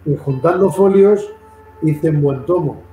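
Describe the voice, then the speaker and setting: A man's voice: fairly high pitch, measured pace, phone-quality sound, faint music behind. A man from Madrid with a Castilian Spanish accent, hosting an interview in a long, rambling, repetitive way. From Madrid, Spain. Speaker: interview host. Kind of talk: casual interview chat. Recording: echoey room.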